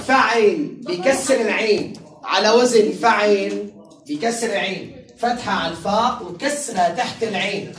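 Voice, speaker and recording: Woman teacher, mid-pitched, drills patterns slowly, recorded from far off in a roomy class with pupils audible. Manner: drills word patterns slowly and repeats them; chatty, laughs with students. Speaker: Arabic teacher. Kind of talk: classroom lesson. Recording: roomy classroom sound from a distant mic, crowd behind.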